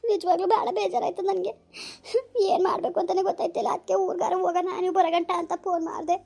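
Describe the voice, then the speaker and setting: A young woman vlogger with a very high, gravelly voice. She talks at a rapid clip, plaintive and upset, circling back to the same words. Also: level tone, dark tone. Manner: plaintive, upset, repeats herself. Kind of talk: emotional phone talk and vlog outro.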